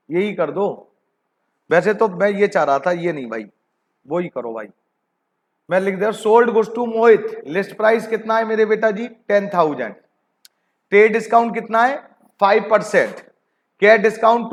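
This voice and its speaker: A man with a high-pitched voice teaches an online accounting class. He keeps coaxing his students with repeated questions and calls them "beta ji". He reads the figures aloud slowly. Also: expressive. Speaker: commerce teacher.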